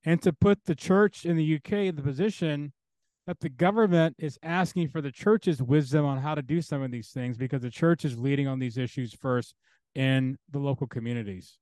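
A man's voice: mid-range voice, moderate pace, darkish tone, no room sound. A man speaking as an interview guest and theologian, talking earnestly and building his points through repeated parallel phrases.

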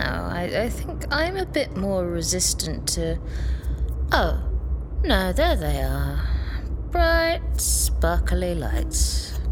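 An actress playing a weary spaceship crew member in a science fiction audio drama, slow and woozy from lack of oxygen, drifting as she talks. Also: lowish voice, background noise, exaggerated voice. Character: weary, guilt-ridden female spaceship crew member running out of air. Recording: loud music under the voice. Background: loud music.

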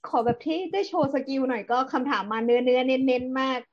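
A woman co-hosting a casual podcast, talking quickly with laughing, exasperated asides. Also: sits high, a little mellow, lo-fi sound. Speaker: podcast co-host. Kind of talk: casual chat.

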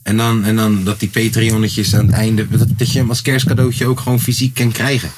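A man with a Dutch accent co-hosting a podcast, talking in relaxed, joking banter. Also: fairly low pitch, brisk, background noise. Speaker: podcast co-host. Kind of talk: casual chat.

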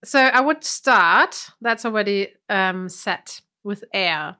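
A woman co-hosts a podcast while sniffly with a cold, chatting casually, laughing often and trailing off mid-sentence. Her mid-range voice is expressive, pushed and bright, and she takes things slowly.

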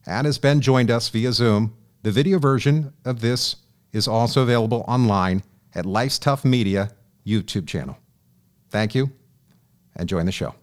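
A man hosts an interview show at a middle pitch. He reads a guest introduction, then asks his questions haltingly, often stumbling over and repeating words. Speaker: podcast host.

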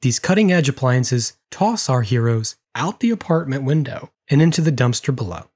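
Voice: medium pitch, lively intonation, moderate pace, a little mellow. A podcast co-host in their thirties reading a wry, dramatic film recap between stretches of casual chat. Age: 30s. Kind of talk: scripted narration mixed with casual chat.

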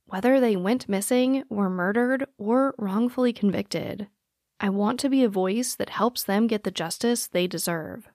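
A woman's voice: medium pitch, creaky, dry recording, studio quality. A woman hosting a podcast, reading scripted narration in an informal way, speaking directly to the listener. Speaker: podcast host.

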